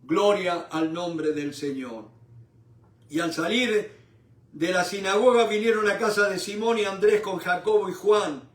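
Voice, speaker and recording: Fervent male preacher, high voice, heard from a distance in a reverberant room. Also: measured pace. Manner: fervent, addresses listeners as brothers. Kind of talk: Bible study sermon.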